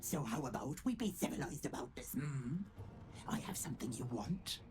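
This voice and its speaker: A woman's voice: rumbling low, sing-song, normal speed, background noise. An actress voicing a scheming old hag witch in a video game, sly and honeyed, calling people dearie. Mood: wheedling.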